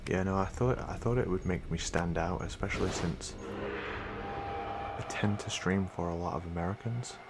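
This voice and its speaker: English guy streaming a speedrun, really low voice, rambly, lots of ums, noisy mic. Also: moderate pace. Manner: rambling, many fillers and restarts. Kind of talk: casual stream commentary.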